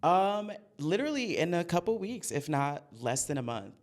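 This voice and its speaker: A man's voice: fairly high pitch, sing-song, moderate pace. A man in his mid-thirties co-hosting a podcast, chatting in an upbeat, teasing way. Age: 30s. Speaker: podcast co-host. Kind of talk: casual podcast chat.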